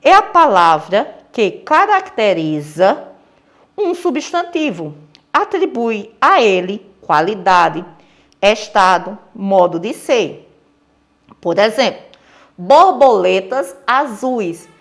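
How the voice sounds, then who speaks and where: A woman teacher with a Brazilian accent gives a recorded lesson to children, patient and repetitive, checking in often and stressing example words slowly. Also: medium pitch, very animated, fairly bright tone. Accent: Brazilian Portuguese. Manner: patient, repeats key points, checks with "certo?". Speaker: primary school teacher.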